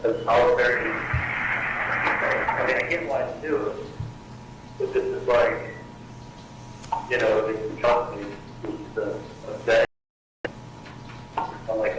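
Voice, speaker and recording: A man talking from jail on a prison phone call, rambling and halting with lots of fillers. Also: fairly low pitch, a bit bright. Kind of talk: casual phone conversation. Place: jail cell. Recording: distant echoey jail phone line with faint noise.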